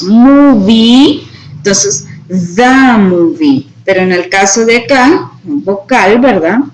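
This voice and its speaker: Woman teacher, bilingual grammar lesson, unhurried delivery, faint background hiss. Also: fairly high pitch, rough recording. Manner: explains slowly, checks understanding with frequent "¿ok?". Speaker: English teacher.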